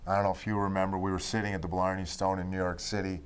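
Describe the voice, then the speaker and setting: A former hockey player reminiscing with old teammates in a relaxed way, filling his talk with "you know". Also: deep voice, racing, slight background noise. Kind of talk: reminiscing conversation.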